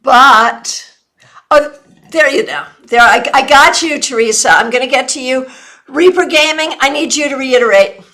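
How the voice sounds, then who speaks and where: A woman's voice: high voice, pushed and bright. A woman with hiccups giving tarot readings on a live stream, chatty and often apologizing. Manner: apologetic, chatty, quick answers to viewers.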